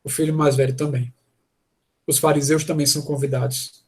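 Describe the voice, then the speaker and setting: A man's voice: fairly high pitch, little pitch movement, a little fast. A man preaching a sermon, earnest and asking the congregation direct questions.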